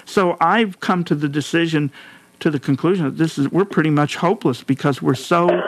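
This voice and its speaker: A middle-aged man from California hosting a talk show, telling stories animatedly and mimicking others in a higher voice. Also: no echo. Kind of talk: conversational political commentary.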